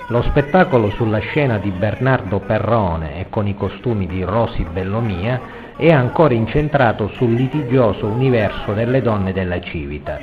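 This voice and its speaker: Casting: man, lowish voice, scripted arts-report narration, slightly muffled sound. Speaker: theatre reviewer narrating a report. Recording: muffled, loud music behind voice. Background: music.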